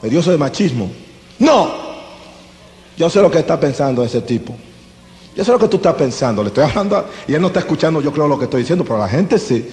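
A man's voice: a little high, lively intonation, fast, a little mellow. A man preaching a testimony sermon to a congregation, telling his story dramatically and acting out scenes. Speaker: evangelist giving testimony. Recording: echoey hall with faint ambience.

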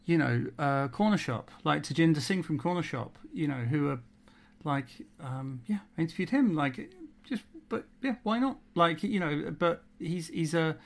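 Chatty man with a gravelly voice. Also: a little high, animated, moderate pace. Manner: chatty, rambling, laughs often. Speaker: podcast host. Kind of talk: casual podcast chat.

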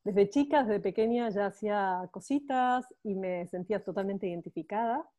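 A woman's voice: mid-range voice, normal speed, mellow. A woman in her forties from Argentina, with a Buenos Aires accent, telling stories as a podcast guest, with hesitant repeats. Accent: Buenos Aires Spanish. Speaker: guest, cosmetics expert. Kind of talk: casual podcast interview.

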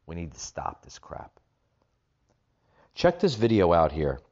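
A man hosting a political commentary podcast, speaking haltingly and repeating phrases for emphasis, recorded with echo in a makeshift room setup. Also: low voice, huge pitch swings, a little mellow, muffled recording. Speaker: podcast host. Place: echoey room in a vacation rental. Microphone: makeshift setup without usual equipment.

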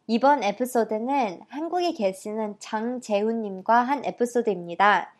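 A woman with a Korean American accent, speaking as a podcast host in a slightly halting way. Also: a little high. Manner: halting, self-conscious Korean mixed with English. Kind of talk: podcast introduction and interview.

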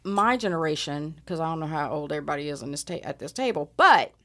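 A woman in her forties from Southern California, telling stories in a casual, animated chat and laughing as she talks. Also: sits low, quick pace. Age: 40s. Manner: animated storyteller, laughs while talking.

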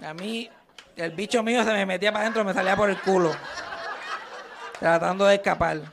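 A man's voice: sits high, brisk, creaky, background noise. A young man performing live stand-up comedy, telling crude stories and acting out the lines he quotes. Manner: crude, animated storytelling with acted-out quotes. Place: comedy stage at a live show.

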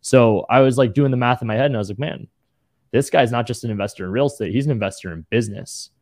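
A man in his twenties telling his story as a podcast guest in a relaxed, slangy way. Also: mid-range voice, quick pace, no echo, studio quality. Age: 20s. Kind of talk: casual interview.

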